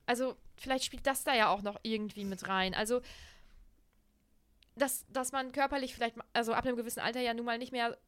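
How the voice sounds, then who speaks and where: A young woman co-hosts a relaxed book-discussion podcast, recounting a chapter in a chatty style full of fillers. Her slightly high voice is steady, fairly quick, fairly bright, and smooth.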